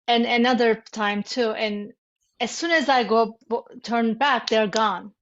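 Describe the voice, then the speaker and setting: Woman, class member, halting, restarts words, somewhat high pitch, muffled lo-fi recording. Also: a bit bright. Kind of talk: personal anecdote. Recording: dull muffled lo-fi sound.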